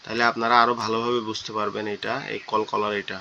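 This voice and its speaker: A man's voice: on the low side, level tone, quick pace, vocal fry, sharp tone, muffled recording, a little hiss or hum. A man teaching an online Quran recitation class, repeating each syllable several times for students. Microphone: online class, computer mic.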